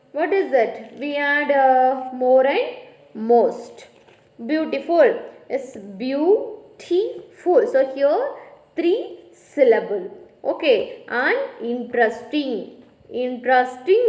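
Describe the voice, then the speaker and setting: Indian English woman, college grammar teacher, mellow high voice, echoey room. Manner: slow, repetitive, says "okay" often. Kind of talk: grammar lecture.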